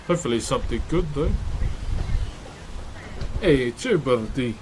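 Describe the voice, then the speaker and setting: A man's voice: medium pitch, expressive, normal speed, a little mellow. A man with a New Zealand accent chatting casually on a livestream in a laid-back, slangy way as he answers viewers. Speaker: live streamer. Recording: clearly noisy background ambience.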